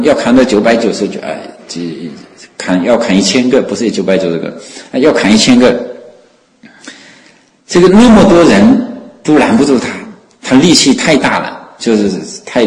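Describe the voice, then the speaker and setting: A man telling a story as a sermon, in an animated way full of fillers and exclamations. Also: fairly low pitch, reverberant, in a large hall, low-quality recording.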